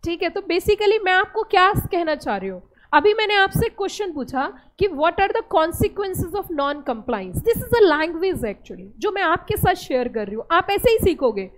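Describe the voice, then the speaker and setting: A young Indian-accented woman lectures a class, building each point step by step and turning to her students with questions. Her voice sits very high. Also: big pitch swings, a little slow. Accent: Indian English. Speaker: teacher.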